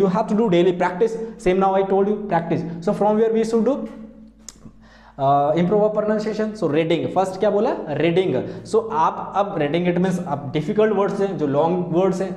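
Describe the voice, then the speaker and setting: A man's voice: high voice, dark tone, echoey room. A man with an Indian accent teaching an English class, mixing Hindi and English, repeating words and quizzing his students. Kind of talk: classroom lesson.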